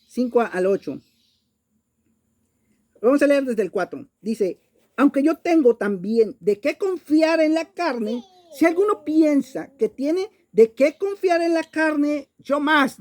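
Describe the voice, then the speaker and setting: A woman's voice: high voice, big pitch swings, slow pace, pauses often, darkish tone. A Mexican woman preaching a Bible-study sermon in an emphatic way, often repeating words as she searches for the next phrase.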